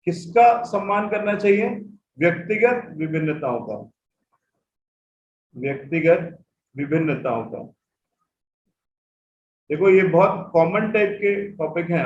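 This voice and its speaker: A man teaching an online class, who repeats key points and keeps checking whether his students follow. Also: high-pitched. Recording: echoey room, dull audio, faint noise.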